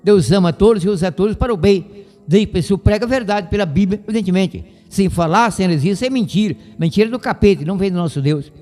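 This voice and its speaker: High-voiced man preaching on radio. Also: quick pace, darkish tone. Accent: Brazilian Portuguese. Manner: digressive, corrects himself aloud, spells out words. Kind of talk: radio Bible teaching. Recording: radio broadcast with long reverb and faint music.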